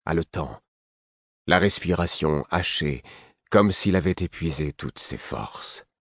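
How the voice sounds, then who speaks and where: A man narrates a fantasy novel in the first person with a very low voice. His delivery is measured and dramatic. The recording is close and completely dry, with no room sound. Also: dry recording. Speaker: audiobook narrator.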